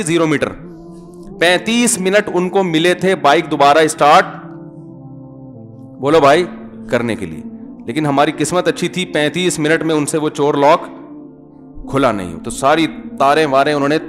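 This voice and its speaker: A middle-aged man, a preacher telling humorous anecdotes to his listeners in a chatty religious talk. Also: a little high. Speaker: Islamic scholar and preacher.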